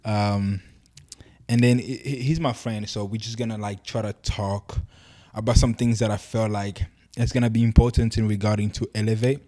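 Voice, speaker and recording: A young man hosts a casual podcast conversation. His voice is fairly low and has a warm, dark color. He asks rambling, filler-heavy questions in a relaxed way. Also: normal speed. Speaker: podcast host.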